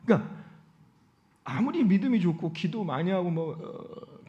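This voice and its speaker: A male pastor delivers a Sunday sermon, often turning to the congregation with rhetorical questions. His voice sits fairly high but sounds mellow and warm. The church recording is dull and lo-fi. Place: church sanctuary.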